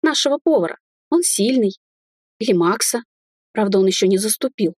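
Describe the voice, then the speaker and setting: A woman reading the part of a gentle, worried young woman on a hotel staff, speaking softly and coaxingly. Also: medium pitch, expressive, moderate pace, dry recording, studio quality, lightly acted. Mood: anxious. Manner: soft, coaxing.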